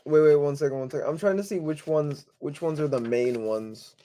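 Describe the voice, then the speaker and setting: A man with a fairly high voice talks like a casual spiritual coach. His delivery is informal and slangy, rambling along as he hosts. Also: brisk, dark tone. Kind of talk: casual, rambling livestream talk.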